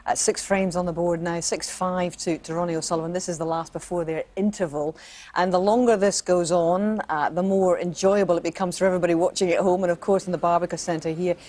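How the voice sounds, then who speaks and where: A woman's voice: fairly low pitch, fairly even intonation, fairly quick, darkish tone. A woman presenting live snooker coverage and putting questions to her guests. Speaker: studio presenter. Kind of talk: live sports presenting and interviewing.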